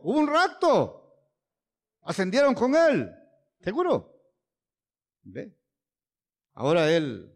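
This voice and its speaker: A man preaching a sermon who keeps asking his listeners "¿ve?" and "¿verdad?", moving between loud emphatic lines and low, quiet asides.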